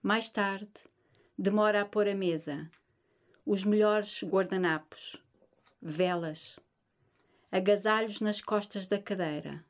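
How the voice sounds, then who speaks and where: A woman reading a literary story aloud at a middle pitch. Her delivery is measured and expressive, the steady pace of scripted narration.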